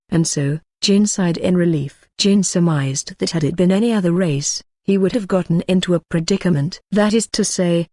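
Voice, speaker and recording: A woman reading a web novel aloud as an audiobook narrator, in an even, flat way. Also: on the low side, dry recording, studio quality.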